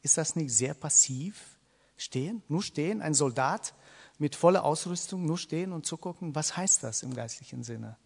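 German-speaking preacher in a reverberant church hall. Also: male voice, a little high, lively intonation, creaky, a little mellow, husky. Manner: halting, many fillers and restarts, asks the congregation questions. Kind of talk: sermon.

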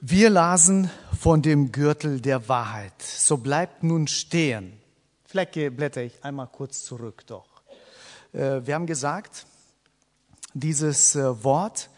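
A man preaching a sermon to a congregation, halting, with many fillers and restarts, and putting questions to the listeners. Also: on the high side. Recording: long hall reverb.

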